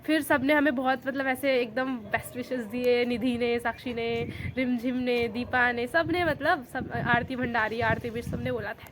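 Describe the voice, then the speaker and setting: A woman's voice: a little high, fairly even intonation, moderate pace, hardly any pauses, background noise. A young woman vlogging in casual chat, emotional and affectionate, rambling as she talks. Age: young adult.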